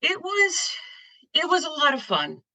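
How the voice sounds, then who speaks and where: A woman's voice: high voice, huge pitch swings, unhurried, pushed and bright, dry recording. A woman from Pennsylvania chatting as an interview guest, upbeat and rambling with restarts. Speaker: guest artist. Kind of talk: casual interview chat.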